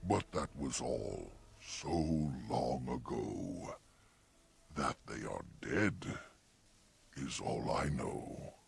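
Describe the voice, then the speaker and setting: A man voicing an ancient, gentle, solemn talking oak tree in a fantasy game, speaking archaic rhyming couplets. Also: a bass voice, animated, extremely slow, creaky, slightly rough, exaggerated voice. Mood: mournful.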